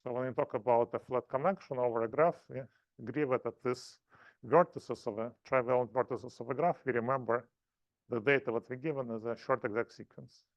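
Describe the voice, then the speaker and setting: Man giving a halting math seminar. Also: mid-range voice, steady tone, dry recording, lo-fi sound. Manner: halting, self-correcting explanations. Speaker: lecturer.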